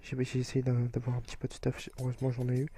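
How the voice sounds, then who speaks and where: A man's voice: mid-range voice, completely flat delivery, fast, mellow, a little hiss or hum. A young man giving casual gameplay commentary, explaining step by step with frequent hesitation fillers. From France. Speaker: gaming video creator.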